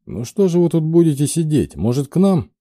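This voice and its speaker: A man's voice: fairly high pitch, big pitch swings, fairly quick, mellow, no echo, studio quality, voice pushed up. A man doing a smug drawling aristocrat. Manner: condescending, drawling.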